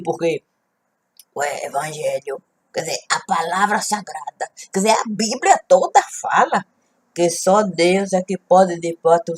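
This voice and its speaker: A woman performing a dramatic spoken-word story, theatrical, swinging between loud exclamations and hushed asides. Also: fairly low pitch, breathy edge. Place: indoors, recorded on a webcam.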